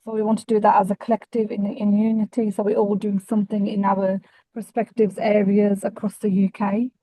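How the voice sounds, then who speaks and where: A woman talking on her phone speaker while driving, trustee of a faith network, brisk and a little apologetic as she speaks up in the car. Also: mid-range voice, level tone, mellow, no echo, rough recording. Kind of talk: online meeting contribution. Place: inside a car.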